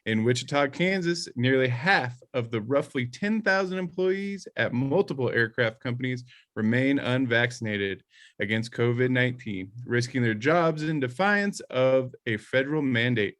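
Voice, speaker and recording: A man's voice: mid-range voice, lively intonation, fairly bright tone, natural voice. A man doing a melodramatic news anchor. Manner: slow, dramatic reading.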